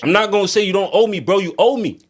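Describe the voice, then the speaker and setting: A man speaks in a notably high register. His talk is casual and slangy, like venting among friends on a show. He leans on short repeated phrases to hammer each point home. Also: animated, quick pace. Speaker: music artist guest.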